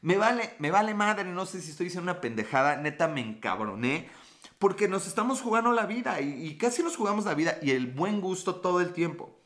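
This livestream podcast host's voice sits high, swings widely in pitch, and moves a little fast with a slightly bright tone. Speaking with a Mexican Spanish accent, he chats loosely and reads viewer comments, answering with profane, flirty teasing.

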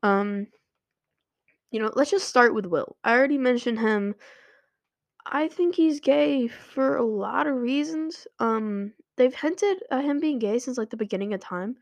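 A woman's voice: on the high side, unhurried, dry recording. Rambling young woman, dry close sound. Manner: rambling, frequent "like" fillers. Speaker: vlogger. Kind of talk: casual commentary. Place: home room with running water nearby.

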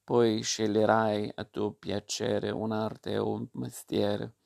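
A man's voice: lowish voice, monotone, slow, creaky, a little mellow, full character voice. A man playing a stern, kind fairy mother. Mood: admonishing. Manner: admonishing, patient.

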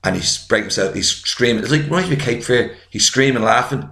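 A man from Ireland co-hosting a casual film chat, eager and quick to jump in. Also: medium pitch, lively intonation, vocal fry, pushed and bright. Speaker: podcast co-host. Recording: echoey room.

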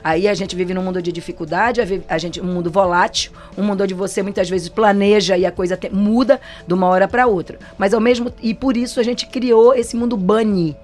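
A woman's voice: mid-range voice, fairly even intonation, a little fast, few pauses, darkish tone, faint music behind. A Brazilian woman giving a casual motivational talk as a business trainer, chatty and often checking in with her listeners. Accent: Brazilian Portuguese. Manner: chatty, frequent tag questions. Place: studio set for a program.

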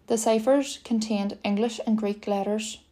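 A woman narrates a true-crime podcast from a script. Her voice is deeply mellow and dark, and her pitch stays flat and level throughout. The reading is steady and even. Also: unhurried. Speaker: podcast host.

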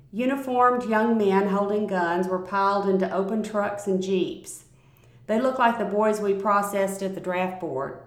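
A woman narrating a first-person story aloud in a calm, measured reading voice. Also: mid-range voice. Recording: roomy, echoey recording.

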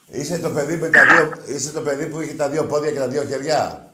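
A man hosting a rowdy sports call-in show, taking calls brashly, mocking callers crudely and breaking into loud outbursts. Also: fairly high pitch, roomy sound, very noisy. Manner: brash, crude and mocking, with sudden shouting bursts. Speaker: radio call-in show host. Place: radio studio.

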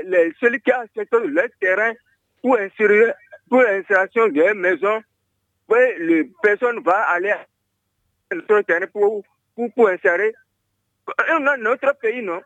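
A man's voice: high-pitched, fairly bright tone, no room sound. A man calling in to a radio show, rambling and stumbling with many restarts. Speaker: caller. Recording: muffled phone line.

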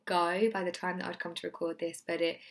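A woman's voice: fairly low pitch, little pitch movement, fairly quick. A woman reads a scripted podcast introduction as its host. She sounds upbeat and inspirational, presenting herself like a motivational coach addressing new listeners.

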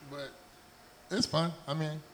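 A man's voice: on the high side, flat delivery, unhurried, a bit bright, slight background noise. A man from New Jersey with an American accent, chatting casually as a guest on a talk show. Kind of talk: casual chat.

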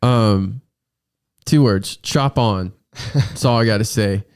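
An American man hosts a casual, joking talk podcast, his voice froggy and congested from a sinus infection, speaking emphatically and in a self-deprecating way. He talks slowly at a fairly low pitch, and the studio sound is clean and free of echo.

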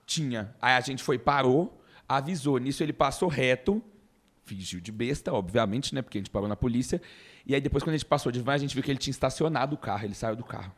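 Fast-talking Brazilian man telling stories. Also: medium pitch. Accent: Brazilian Portuguese. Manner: animated storyteller, acts out quoted people. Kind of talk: casual chat.

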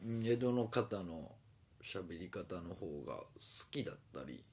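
A man with a Kansai accent and a low voice talks on his own in a loose, casual way. He drifts from thought to thought and fills his pauses with many small hesitations. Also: animated, a little mellow, slight background noise. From Osaka. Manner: meandering, many fillers and hesitations. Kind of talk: casual solo talk.

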